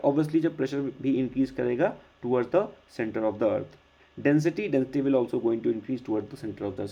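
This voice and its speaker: Indian man, online teacher, slow and unhurried, mellow voice, slightly husky, dull lo-fi sound. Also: medium pitch. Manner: mixes Hindi and English, checks in with students often. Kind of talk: online class lecture.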